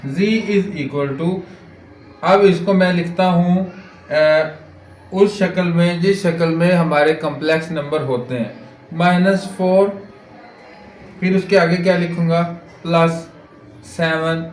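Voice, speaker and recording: A man lecturing as a math teacher, working through problems step by step and asking rhetorical questions as he goes. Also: a little high. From Pakistan. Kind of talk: board lecture solving exercises. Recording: echoey room with faint noise.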